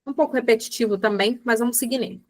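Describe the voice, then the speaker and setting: Fast-talking and fairly high-pitched, this Brazilian woman is a psychologist running a chatty online book club class. Her accent is Brazilian Portuguese, and she addresses listeners as "gente" and acts out everyday examples.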